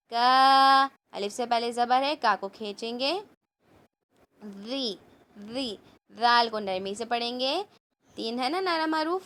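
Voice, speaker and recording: A woman teaching an online Quran lesson to children, spelling out letters and vowel marks before reciting each word slowly, then explaining the rules quickly. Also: fairly high pitch, a bit bright.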